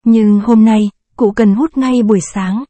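A woman narrating a short story in a measured, expressive way. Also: on the high side, dry recording.

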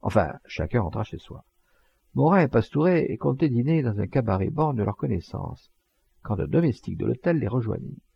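A man narrating an audiobook in an expressive storytelling manner, with a husky, gravelly voice. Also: mid-range voice, normal speed, no echo. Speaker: audiobook reader. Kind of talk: scripted narration. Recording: dull lo-fi dry recording.

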